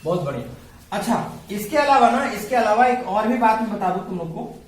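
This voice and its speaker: A high-pitched man teaches a science class, drilling his students with repeated questions and fondly calling them "babu." His voice rings through an echoey classroom, picked up from a distance with steady background noise. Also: brisk. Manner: calls students "babu" affectionately. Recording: echoey room, voice far from mic, background noise.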